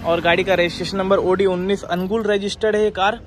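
A used-car dealer gives an unscripted, persuasive walk-around of a car, sprinkling in English terms. His voice sits high and steady, and he talks fast. He's recorded clearly outdoors by a roadside lot and inside the car, with ambient and vehicle noise audible.

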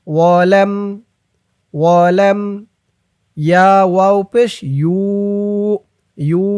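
A man with a Bangladeshi accent teaching recitation, spelling each letter and vowel slowly before chanting it drawn out, with brisk explanations in between. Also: sits high, darkish tone, clean tone, no room sound, clean studio sound. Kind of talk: slow letter-by-letter recitation lesson.

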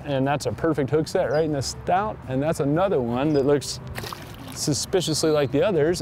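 A middle-aged man narrates his own fishing from a boat on a pond, chatty and excited and quick to laugh. His voice sits fairly high for a man. Faint outdoor noise carries behind him. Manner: excited, chatty, laughs often, talks to viewers as guys. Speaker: fishing show host. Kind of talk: on-the-water fishing commentary.

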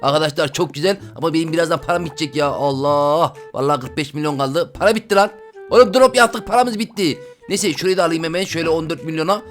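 A man with a high voice who talks fast, narrating a video game for his viewers. He keeps bursting into loud, excitable exclamations. Faint game music plays underneath. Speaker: gaming YouTuber. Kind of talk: excited let's-play commentary.

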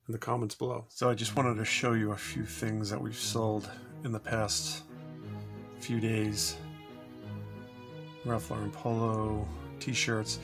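A man's voice: medium pitch, gravelly. A man casually narrating a walkthrough of his cluttered storage room, rambling and asking viewers for help. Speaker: storage unit reseller.

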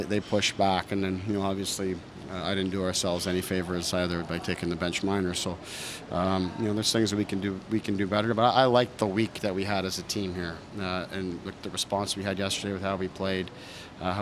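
In a noisy press room with a sponsor backdrop, a male hockey coach speaks at the podium, his voice low and flat. Answering post-game questions, he's measured and thoughtful, often using fillers and restarting sentences, with several reporters' handheld mics held close in front.

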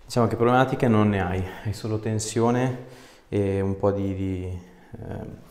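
A chiropractor with a lowish, darkish voice speaks in a steady tone at a measured pace, giving casual instructions and chatting with a patient. He is in a small indoor clinic treatment room, where the recording sounds echoey with faint noise.

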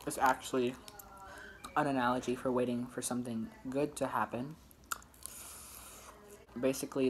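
A man's voice: mid-range voice, a little hiss or hum. A young man chatting casually while eating, rambling and joking with lots of fillers. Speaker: musician vlogger. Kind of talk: casual behind-the-scenes chat while eating.

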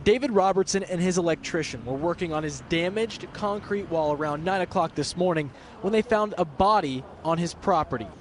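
High-voiced male field reporter. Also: slight background noise. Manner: clear, measured reporting delivery. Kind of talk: live news report.

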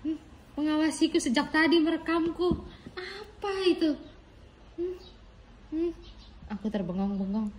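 A woman's voice: very high voice, steady tone, a little slow, long pauses, low-quality recording. A mother in a playful vlog, coaxing her baby in a sing-song, urging way. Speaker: mother, vlogger.

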